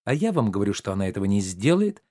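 A saucy, quick-tongued maid who never backs down, read by a man. The voice stays in a plain male register with a lively, bouncing intonation, recorded close and dry. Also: lowish voice, no echo, voice pushed down. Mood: pert. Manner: pert, teasing, stubbornly contrary. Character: cheeky young female maid, sharp-tongued. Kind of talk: play reading.

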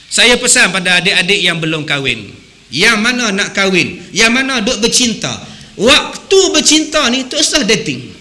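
A man preaching a humorous sermon, animated and acting out voices as he goes. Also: high-pitched, moderate pace. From Malaysia. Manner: animated, sings song snippets and acts out voices.

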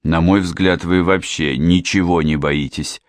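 A man's voice: deep voice, steady tone, unhurried, no echo. A man voicing a weary police inspector who answers with dry irony. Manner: dry, ironic.

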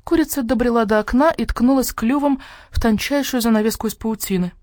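A woman narrating a children's audiobook with lively, expressive storytelling. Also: a little high, brisk, no room sound, clean studio sound.

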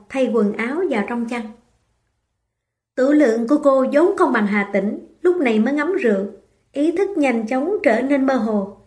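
A woman narrating a romance novel in a steady, even reading voice. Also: fairly high pitch. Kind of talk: scripted audiobook narration.

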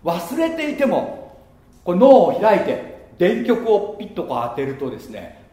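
A man preaching a sermon as pastor, lively and playful, slipping into muttered mocking asides. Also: sits high, moderate pace, echoey room. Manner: lively, mutters mocking asides and laughs at his own jokes.

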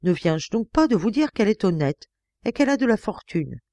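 A woman's voice: medium pitch, very animated, fairly quick, mellow, no echo, studio quality, pitched above the performer's own voice. A woman reading an audiobook, voicing a genial, blustery male police commissioner with hearty exclamations.

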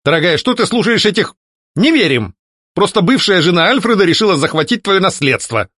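A man's voice: fairly high pitch, very animated, fairly quick, a bit bright, dry recording, studio quality, pitched above the performer's own voice. A man voicing a fat middle-aged baron who blusters angrily and scornfully. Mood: indignant. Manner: blustering, irritable.

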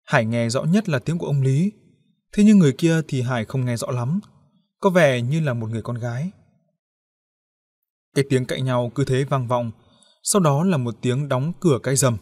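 A man's voice: medium pitch, darkish tone. Man narrating a horror audiobook. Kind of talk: scripted horror story narration.

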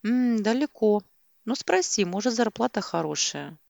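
A woman's voice: a little high, expressive, unhurried, creaky, darkish tone, dry recording, clean studio sound, voice pushed up. A woman reading an irritated dismissive young man. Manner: dismissive, exasperated.

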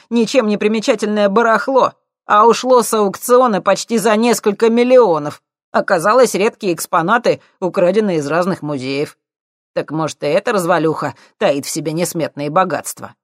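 A man voicing a brash, scruffy young male petty crook in an audiobook, loud and mocking. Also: sits high, normal speed, no echo, clean studio sound, pitched above the performer's own voice, lightly acted. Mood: sly.

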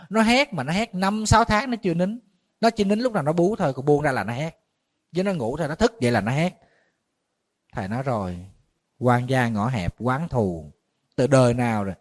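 Buddhist monk, slightly high-pitched man, preaching in a chatty storytelling way. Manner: conversational storytelling, animated when retelling shouting. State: a little tired. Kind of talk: dharma talk.

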